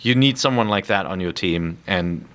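Deep-voiced man on a podcast. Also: moderate pace, fairly bright tone. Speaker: podcast co-host. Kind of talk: casual podcast chat.

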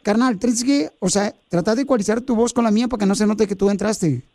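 A man's voice: high voice, quick pace, creaky, darkish tone. A man hosting a radio show, talking in a playful, jokey, teasing way from a studio microphone. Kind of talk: playful radio prank banter.

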